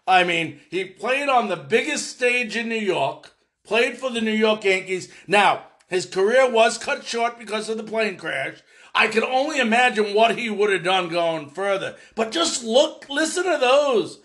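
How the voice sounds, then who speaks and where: A man giving an excited, fast-talking opinion monologue to his viewers as a baseball commentator, emphatic and direct. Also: high voice.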